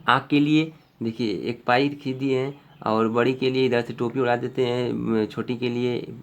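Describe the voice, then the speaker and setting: A man's voice: medium pitch, steady tone, moderate pace, a little hiss or hum. A male teacher giving an exam-prep grammar lesson, explaining step by step and often repeating himself with fillers.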